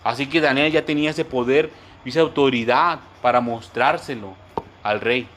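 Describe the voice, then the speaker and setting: A man's voice: medium pitch, normal speed, fairly bright tone, a little hiss or hum. A man teaching a church Bible study, repeating his points and often calling the listeners brothers. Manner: repetitive, addresses listeners as brothers; explains word by word, spells terms out.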